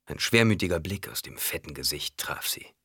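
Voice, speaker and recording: Low husky man narrating an audiobook in a measured, dramatic way, bright-edged voice. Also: lively intonation, dry recording, studio quality.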